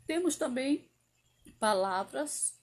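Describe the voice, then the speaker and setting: Slow, careful woman teacher reading aloud. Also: high-pitched, expressive. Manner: slow, careful, stretches out each word. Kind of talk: reading lesson on spelling. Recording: audible background noise.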